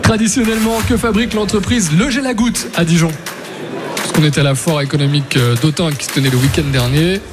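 A man with a fairly high voice talks fast as he hosts a radio quiz from a trade fair, keeping things chatty, teasing and loose. Music plays under his voice, and background noise is audible.

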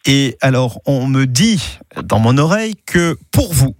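A man's voice: medium pitch, sing-song, unhurried, dry recording, studio quality. A man hosting a local morning radio show, chatting in a friendly way with a guest and a caller. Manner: friendly, chatty presenter with light laughs. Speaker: radio host.

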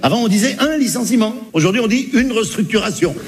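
A man doing a stand-up comedy bit about language, animated and wisecracking. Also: high voice, fast, long reverb tail.

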